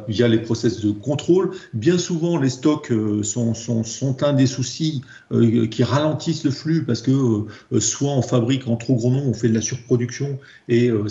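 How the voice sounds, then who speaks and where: Warm in tone and mid-range, a man with a French accent works through slides as a presenter training people in process improvement. His delivery is hesitant with many repeated words, and the recording sounds dull and echoey.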